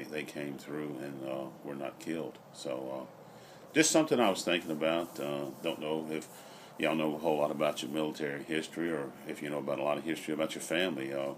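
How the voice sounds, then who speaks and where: A middle-aged man chats casually and reflectively, rambling with frequent pauses, recorded outdoors on a patio. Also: extremely low pitch. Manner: unhurried, rambling, pausing often. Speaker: vlogger. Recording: noisy outdoor ambient recording.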